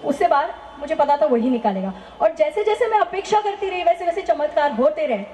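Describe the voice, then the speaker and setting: A woman's voice: sits high, very animated, brisk, dark tone, echoey room. A woman telling a personal faith testimony in an earnest, emphatic way, often asking rhetorical questions. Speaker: testimony speaker.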